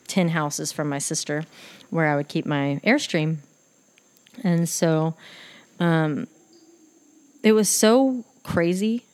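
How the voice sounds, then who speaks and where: A woman host telling a personal story in casual, animated speech, acting out what people said, with frequent fillers. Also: deep voice. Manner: animated retelling, acts out quoted voices, many fillers.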